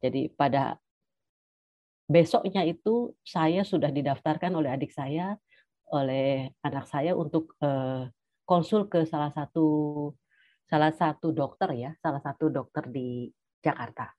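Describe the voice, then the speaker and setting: A middle-aged woman giving a personal testimony as a cancer survivor, hesitant, with many pauses and fillers. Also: low voice, dry recording, dull audio. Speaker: cancer survivor sharing her story.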